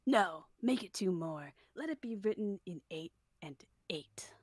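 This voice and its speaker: A woman voicing a boastful male weaver with a lowered, blustering delivery. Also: lively intonation, moderate pace, no room sound, clean studio sound, close to an everyday voice.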